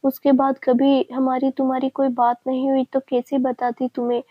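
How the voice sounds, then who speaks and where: A woman reading the lines of a pleading, urgent young woman, a childhood friend, in a family story, with a husky voice. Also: sits high, completely flat delivery, moderate pace, no echo. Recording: dry, dull lo-fi sound.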